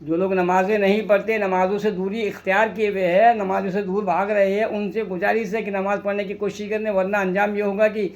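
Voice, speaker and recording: A man's voice: sits high, level tone, fairly quick, few pauses. A man preaching a storytelling sermon, repeating phrases with emphasis and urging his listeners.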